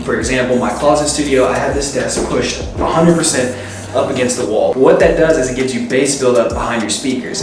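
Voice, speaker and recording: Male vlog host, casual explainer, mid-range voice, strong hallway echo in an empty room. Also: medium pitch. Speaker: host, musician and YouTuber. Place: indoors, bare untreated room being made a studio.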